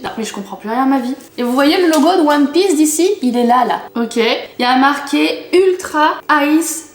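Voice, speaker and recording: Young woman, food vlogger, chatty, exclaiming, high-pitched, roomy living-room sound. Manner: chatty, exclaiming, murmuring while tasting. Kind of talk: casual chat to camera. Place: home living room, at low table.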